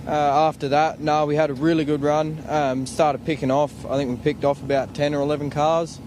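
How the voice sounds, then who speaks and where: A young Australian man gives a casual interview as a navigator fresh from a race. His voice is a little high, with faint vehicle noise outdoors. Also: level tone, normal speed. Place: outdoors at a desert race finish line.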